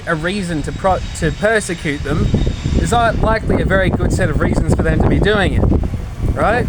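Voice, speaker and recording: Australian man, fairly high voice, drunk rambling, sweary casual vlog talk, clear traffic noise outdoors. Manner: blunt, heavily sweary. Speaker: vlogger. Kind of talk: casual rambling monologue to camera. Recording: noisy outdoor recording with traffic.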